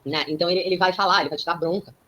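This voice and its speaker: A woman's voice: lowish voice, fairly even intonation, racing, fairly bright tone, low-quality recording. A woman speaking as a guest on a talk program. She explains ideas in a teaching way, uses everyday examples and often checks in with tag questions. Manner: didactic, with frequent tag questions.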